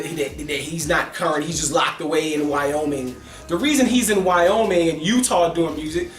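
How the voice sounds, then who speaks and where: Casual male reviewer, emphatic and lively, recorded in a roomy, echoey space. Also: high voice. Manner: animated, emphatic, talks with his hands. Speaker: album reviewer. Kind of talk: casual commentary.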